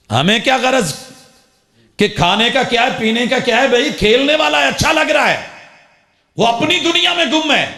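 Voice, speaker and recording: A man preaching a sermon, shifting from quiet storytelling to loud shouted calls, full of rhetorical questions and repeated phrases. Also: a little high.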